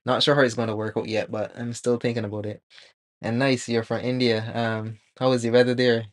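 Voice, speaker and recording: A man from Barbados, streaming live as a 3D artist, chatting casually and thinking aloud with many pauses and fillers while he works. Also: medium pitch, no room sound. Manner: relaxed, rambling, thinks aloud with many ums.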